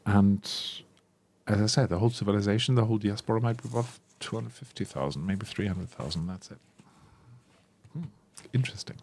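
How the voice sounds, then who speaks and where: Low-voiced man chatting through an unboxing. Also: fairly quick, pauses often, darkish tone. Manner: chatty, thinks aloud with frequent ums and self-corrections; enthusiastic about the product. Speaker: tabletop RPG content creator. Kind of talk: casual unboxing commentary.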